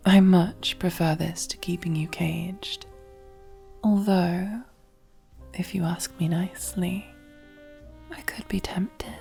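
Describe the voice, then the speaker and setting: A woman voices a silkily affectionate, possessive, commanding mafia boss in ASMR roleplay, intimate and breathy, her husky voice often reduced to a whisper. The voice is lowish with a steady tone, and faint music sits behind it. Her manner is slow, controlled, intimate and softly commanding.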